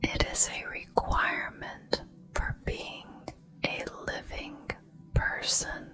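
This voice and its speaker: A woman gives a whispered ASMR pep talk of affirmations in a soft, breathy, deliberate and reassuring way, with pauses between phrases.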